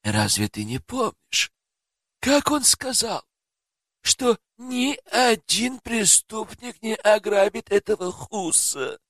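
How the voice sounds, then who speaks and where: A man's voice: very animated, slow, a bit bright, dry recording, heavily acted. A man doing a haughty young woman adventurer. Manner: purring, coquettish falsetto. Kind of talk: audiobook character voice.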